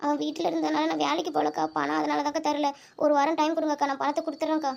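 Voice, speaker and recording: A woman's voice: high-pitched, little pitch movement, very fast, gravelly, a little mellow. A woman voicing a worried village mother in a Tamil cartoon, pleading and apologetic, with a Tamil accent.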